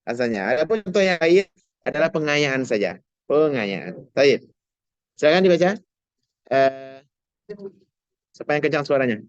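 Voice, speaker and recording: A man teaching an Arabic grammar class online, patiently quizzing his students and drawing out example words slowly. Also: fairly high pitch, expressive, clean tone, dry recording, highs cut off. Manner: patient, asks students questions, slow drawn-out example words.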